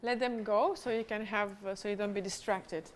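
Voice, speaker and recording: A woman coaching a pitch workshop, giving direct, encouraging instructions. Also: steady tone, fairly quick, a little hiss or hum.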